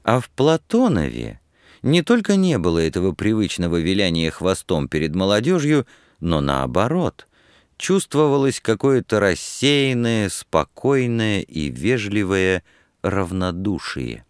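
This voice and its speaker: Low-voiced guy reading an audiobook, lively pitch, close mic. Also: measured pace, clear, resonant tone, no room sound. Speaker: narrator. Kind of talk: audiobook narration.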